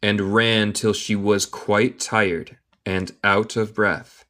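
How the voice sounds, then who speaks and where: An American man from Michigan who speaks English natively, reading a story aloud word by word in a slow English lesson and explaining it in Spanish. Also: fairly low pitch, little pitch movement, sharp tone. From United States. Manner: reads English word by word very slowly, then explains in Spanish, answers chat. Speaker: English teacher, live streamer.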